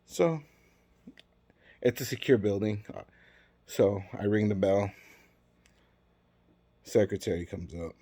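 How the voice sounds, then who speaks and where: A man's voice: lowish voice, lively intonation, slow pace, pauses often, dark tone. A man telling a personal story in a casual way, acting out the dialogue with conversational asides.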